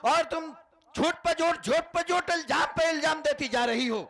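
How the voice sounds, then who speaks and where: A man's voice: extremely high pitch, normal speed, creaky, sharp tone, exaggerated voice. A man playing a betrayed, vengeful husband. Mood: grieving. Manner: declaiming to the audience. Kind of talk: folk stage theatre.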